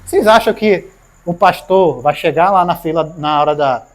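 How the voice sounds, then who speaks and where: A woman's voice: deep voice, moderate pace. A woman with a Brazilian Portuguese accent preaching a sermon, acting out dialogues and asking the audience questions. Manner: animated, acts out dialogues, asks the audience questions.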